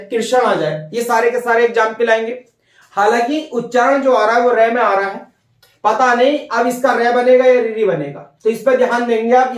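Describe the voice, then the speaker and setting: High-voiced man teaching in an echoey room. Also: distant mic. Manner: repetitive, checks understanding with "ठीक है" and "भैया". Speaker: Hindi grammar teacher. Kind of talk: whiteboard grammar lesson.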